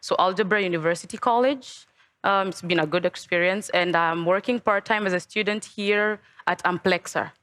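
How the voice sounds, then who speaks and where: Young woman, hesitant, low-pitched. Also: moderate pace, a bit bright, clear, resonant tone, dry recording. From Kenya. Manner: hesitant, with ums. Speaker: panel guest.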